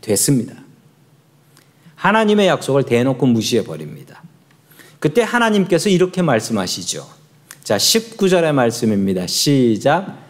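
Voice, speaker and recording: A man's voice: medium pitch, moderate pace. Korean pastor guy preaching, voice swoops up and down a lot, storytelling and acting out the characters. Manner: lively storytelling, acts out voices of biblical figures. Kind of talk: sermon.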